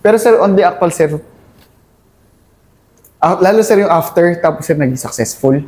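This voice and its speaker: A high-pitched, animated, somewhat mellow voice at a moderate pace comes from a Cavite army officer being interviewed. His candid talk is earnest, mixed with English, and studded with "sir" in nearly every phrase.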